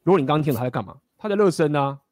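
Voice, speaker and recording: A man's voice: a little high, lively intonation, very fast, no echo, clean studio sound. A man, casually telling stories and giving blunt, profane dating advice. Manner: blunt, profane, laughing often.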